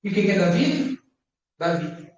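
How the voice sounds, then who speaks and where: A man teaching Hebrew letters to a class. He talks patiently and repeats words slowly for his students. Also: sits high, big pitch swings, a little mellow. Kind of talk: classroom lesson. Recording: echoey classroom from far off.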